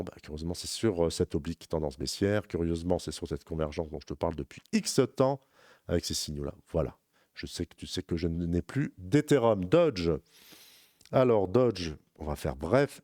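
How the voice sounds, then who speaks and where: A man talking rapidly and informally as a crypto trading analyst, walking the viewer through charts in a rambling, self-correcting way. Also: sits low, warm tone, no room sound, studio quality. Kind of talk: casual chart walkthrough addressing viewer as tu.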